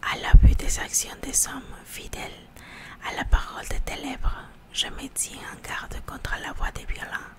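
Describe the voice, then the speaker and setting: This is a woman's hushed, library-style ASMR whisper, largely without voicing. She reads scripture at an unhurried pace, pausing and stumbling a little and repeating words.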